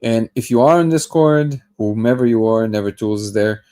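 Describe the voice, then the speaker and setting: A male livestream host chats casually on his daily stream, reading comments and greeting viewers by name. He speaks at a normal speed in a warm voice on the low side.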